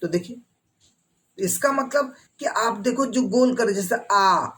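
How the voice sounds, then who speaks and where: A man teaching an exam-prep grammar lesson, repeating key terms and putting quick questions to his listeners. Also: extremely high pitch, rough recording.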